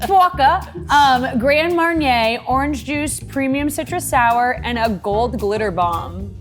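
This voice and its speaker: A woman from the crew reading drink ingredients aloud, halting over foreign names. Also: on the high side, music in the background. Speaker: crew member reading the menu. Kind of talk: reading menu items aloud.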